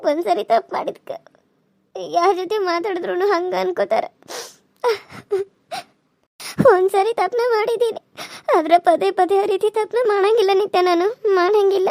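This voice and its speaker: Young village wife, tearful and pleading, North Karnataka accent, very high voice, voiced by a woman, dry sound. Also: steady tone, a little fast, long pauses, no echo. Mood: hurt. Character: young village wife Raji, wronged and remorseful. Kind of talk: cartoon serial voice acting.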